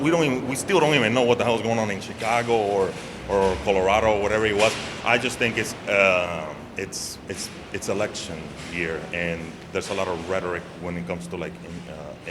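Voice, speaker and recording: Casual passerby from Venezuela, man: very low voice, hedging, street noise. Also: fairly quick. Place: outdoors on a city street.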